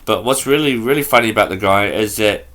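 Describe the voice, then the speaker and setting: A man's voice: on the low side, a little fast, fairly bright tone. A man hosting a podcast in a casual, offhand way, reading aloud from notes and stumbling over words as he goes. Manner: offhand and loose. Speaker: podcast host.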